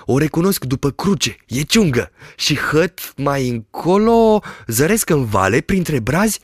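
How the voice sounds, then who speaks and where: A man voicing an awestruck, superstitious village shepherd in an audiobook reading, with a high, exclaiming voice. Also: very animated, breathy edge, no room sound, clean studio sound. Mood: wondering.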